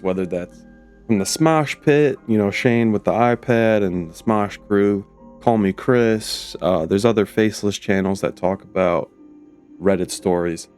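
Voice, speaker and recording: A man with a voice still rough from being sick, hosting a casual, chatty reaction video with excitable tangents and casual swearing. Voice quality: deep husky radio-like voice. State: voice rough from recovering from illness. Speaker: YouTube host reading Reddit stories. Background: faint ambient music.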